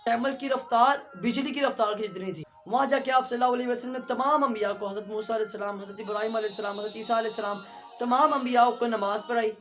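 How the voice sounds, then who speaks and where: A man vlogger earnestly retelling a religious story and speaking straight to his viewers. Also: very high-pitched. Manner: earnest, fast storytelling with direct address to viewers.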